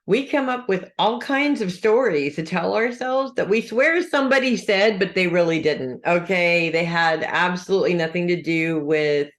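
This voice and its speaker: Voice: mid-range voice, moderate pace, hardly any pauses, fairly bright tone. An astrologer reading weekly horoscopes in a casual, chatty way, checking in with listeners and dropping dry sarcastic asides.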